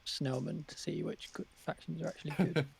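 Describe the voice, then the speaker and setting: A man's voice: on the high side, wildly swooping pitch, a little fast, vocal fry, a little hiss or hum. A man with a British accent, chatting casually on a board game stream with dry, jokey asides. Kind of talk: casual strategy chat on a live stream.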